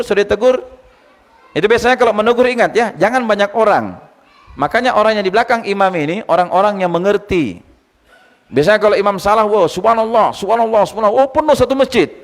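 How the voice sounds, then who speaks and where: A male Islamic teacher giving a lively study lecture, quizzing his listeners and retelling anecdotes. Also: high voice. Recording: long hall reverb.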